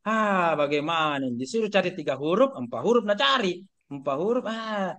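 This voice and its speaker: A middle-aged Indonesian-accented man lectures an online class, his voice pitched high and bright. He keeps questioning his students and circles back over the same points, filling the gaps with short fillers, all heard through a video call. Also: expressive, normal speed. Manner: questioning, repetitive teaching with many fillers.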